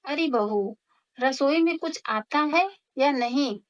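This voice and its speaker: A woman's voice: high-pitched, expressive, slow, lo-fi sound. A woman voicing a bossy middle-aged mother-in-law who lectures in a commanding way.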